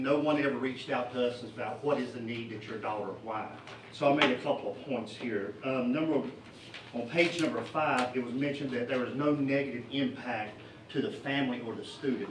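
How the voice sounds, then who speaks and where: At a school board meeting, a middle-aged parent gives public comment, earnest but halting and full of fillers. His voice sits in the mid range, captured by a distant mic in a noisy, echoey meeting room.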